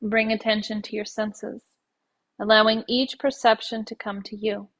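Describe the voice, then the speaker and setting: A woman with a medium-pitched voice that barely moves in pitch talks listeners through a yoga nidra meditation. She keeps things soothing and slow, with gently ending phrases.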